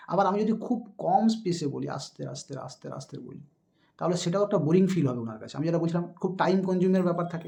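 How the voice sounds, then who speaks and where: A man teaches a lesson on speaking in job interviews. His voice sits a little high for a man, yet it sounds mellow and warm. He explains patiently and acts out examples, swinging between loud and quiet.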